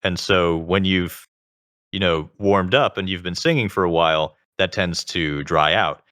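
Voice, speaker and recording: Heard as a guest in a conversational interview, the self-taught singer has a very low voice with vocal fry and a forceful, bright quality, delivered with fairly even intonation. He explains in a measured way and adds qualifications, and the recording is close and dry.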